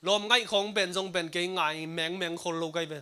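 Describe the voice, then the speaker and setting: High, bright-voiced male preacher. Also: steady tone, fairly quick, slight background noise. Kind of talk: sermon. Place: church service streamed online.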